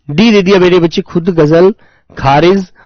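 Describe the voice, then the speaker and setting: A man teaching an online exam-prep Hindi lesson, dictating slowly, repeating words and calling his students "my dear children". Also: high voice, no echo, highs cut off. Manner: slow, drawn-out dictation with many repetitions, addresses students as "my dear children".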